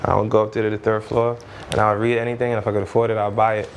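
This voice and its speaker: A music executive in his thirties, born in Trinidad and raised in Brooklyn, tells stories as an interview guest in a loose, rambling way, saying "you know what I mean" a lot. His voice is lowish and flat, and he talks rapid-fire. There's slight background noise.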